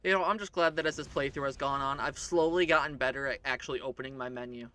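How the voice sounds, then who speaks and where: A man talks easily over a video game session, mostly agreeing and adding short remarks. His voice has a very bright, sharp edge while his pitch sits right in the middle. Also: fast. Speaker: gaming co-host. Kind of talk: casual chat while playing a game.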